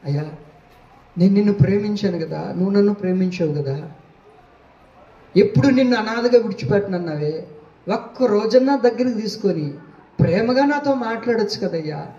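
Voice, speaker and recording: A man's voice: high voice, lively intonation, normal speed, pauses often, dark tone, highs cut off, voice pushed down. A man voicing a neglected middle-aged wife who begs her husband for kind words, in an echoey room with a distant mic. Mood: pleading. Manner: plaintive, begging.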